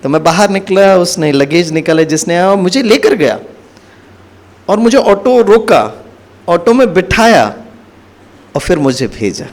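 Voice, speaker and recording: A man giving a spiritual talk to an audience, telling a story in a lively way and acting out the dialogue. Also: high voice, a little slow, long pauses. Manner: animated, acts out dialogue. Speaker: spiritual speaker.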